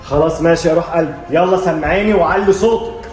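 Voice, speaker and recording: A young man with an Egyptian accent playing a gentle, worried father in a family skit, talking softly and apologetically. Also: on the high side, quick pace, close to an everyday voice. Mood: calm. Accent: Egyptian Arabic. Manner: soft, apologetic and reassuring. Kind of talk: amateur family skit acting. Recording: music playing behind.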